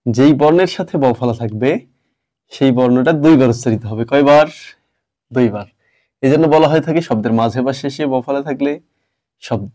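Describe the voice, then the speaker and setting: A man's voice: medium pitch, dark tone. A male teacher giving a step-by-step grammar lesson, stopping often to ask his class questions.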